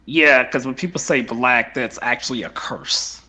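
A man's voice: medium pitch, moderate pace, pushed and bright. A man on a livestream panel, insisting on his point and repeating words for emphasis. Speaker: panel guest. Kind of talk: casual debate talk.

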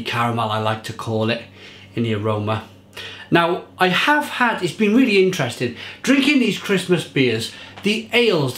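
Talking to a camera fixed on his kitchen table, a man in his thirties enthusiastically reviews a beer at home. He speaks at medium pitch in a chatty way, full of fillers and restarts, and the sound is reverberant.

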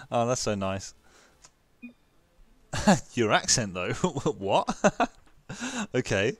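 A young man giving live, excitable commentary over his own gameplay, laughing often and gasping at big plays. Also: medium pitch. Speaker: gaming YouTuber.

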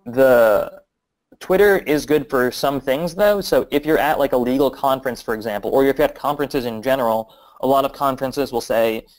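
A man's voice: medium pitch, rough recording. A man answering audience questions in a webinar, talking loosely with many fillers and restarts. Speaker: guest marketing expert.

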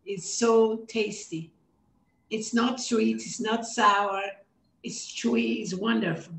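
In an echoey room with a touch of background noise, a cookbook author gives a relaxed cooking demonstration. She's a native Persian speaker with a Persian accent, and her fairly high, creaky voice holds a steady tone as she takes things slowly. She's upbeat, laughs a lot, and clearly loves food.

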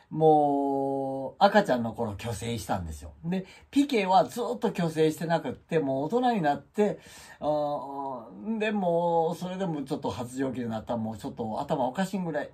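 Very husky Kansai man telling stories. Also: mid-range voice. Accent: Kansai Japanese. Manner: animated storyteller who acts out quoted lines. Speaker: channel host. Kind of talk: casual monologue about his pets.

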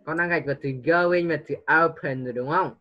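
A man's voice: fairly high pitch, fairly quick, dull audio. A man tutoring a young pupil one-on-one online, patiently coaxing answers and mixing English prompts into his teaching.

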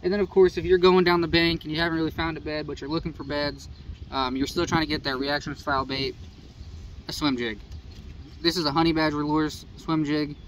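A young fishing channel host with a Midwestern American accent rambles easygoingly through his fishing gear to camera outdoors beside a house. His voice is a little high and a bit bright, brisk, with fairly even intonation. The phone, held at arm's length, sounds slightly distant with faint outdoor noise.

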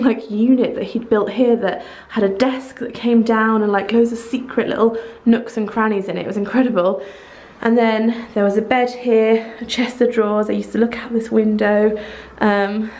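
This English vlogger, a woman in her thirties, has a fairly high, darkish voice. She gives a casual, fond house tour full of ums and likes, holding the camera at arm's length as she walks through a bare, empty house.

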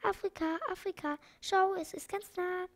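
A woman reading an audiobook, voicing a cheerful, reassuring crocodile in a lively storybook manner. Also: very high voice, normal speed, voice pushed up. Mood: excited.

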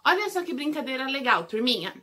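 A Brazilian woman teacher giving a remote lesson to small children, drawing out syllables slowly and clearly. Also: high-pitched, sing-song, sharp tone. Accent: Brazilian Portuguese. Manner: slow, drawn-out syllable drills for small children.

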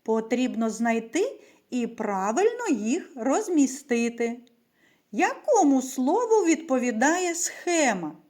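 A woman teaching young children to read and write, speaking slowly and deliberately, asking questions and answering them herself. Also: sits high, sing-song, a little mellow. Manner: patient, stretched-out words, asks and answers her own questions. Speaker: primary school teacher. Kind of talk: slow, deliberate literacy lesson for young children.

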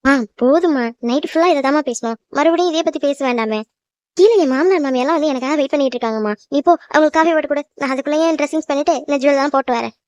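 A woman's voice: sits high, rapid-fire, darkish tone, no room sound, lightly acted. A woman voicing a young cartoon bride, a devoted daughter who teases and reassures her mother. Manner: teasing, reassuring, chatty. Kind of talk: cartoon voice acting.

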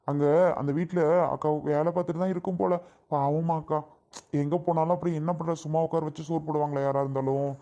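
A man's voice: fairly high pitch, mellow, natural voice. A man playing a grown son in a family skit, talking in a blunt, scolding way. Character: blunt adult son, irritable.

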